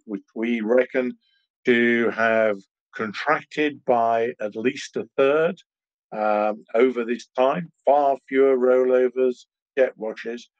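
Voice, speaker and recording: Older uk guy on a video call, slow and careful, lots of ums, dull muffled sound. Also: medium pitch. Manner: measured, many fillers and pauses. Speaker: trade association chairman, panelist. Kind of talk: video-call panel discussion. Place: home study, indoors.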